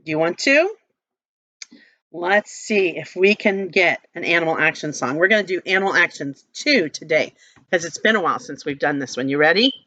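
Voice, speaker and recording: A woman's voice: on the low side, lively intonation, normal speed, bright, forceful tone, no room sound. A woman leading circle time as a teacher, talking and reading to toddlers in simple, repeated phrases and questions. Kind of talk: reading and singing along to young children.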